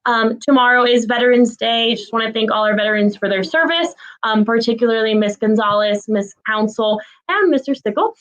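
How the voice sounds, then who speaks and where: Brief: a woman with a slightly high voice running down weekly staff notices, matter-of-fact, with filler pauses. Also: a bit bright, lo-fi sound. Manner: brisk, businesslike, frequent "um" fillers. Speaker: school administrator giving staff announcements. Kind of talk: reading a list of staff announcements.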